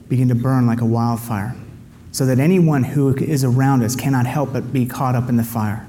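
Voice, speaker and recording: Brief: frank male testimony speaker, mellow voice, long hall reverb with faint background noise. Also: medium pitch. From United States. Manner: candid, confessional. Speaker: guest speaker at a men's gathering. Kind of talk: personal testimony and prayer.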